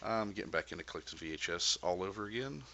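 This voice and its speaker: A man's voice: low-pitched, lively intonation, fast talker, creaky, bright, forceful tone, highs cut off, slight background noise. A man in his thirties chatting casually and enthusiastically about his collection, with many "uh" and "um" fillers along the way. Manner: easygoing and enthusiastic, with frequent "uh" and "um" fillers. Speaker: VHS collector vlogger. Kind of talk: casual show-and-tell chat.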